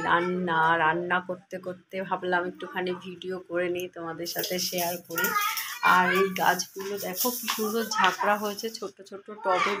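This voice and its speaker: With a fairly low-pitched voice against a noisy background, a middle-aged woman talks informally to her viewers while cooking in a room at home. She films herself on her phone camera as a home vlogger, sometimes interrupting to coax her dog.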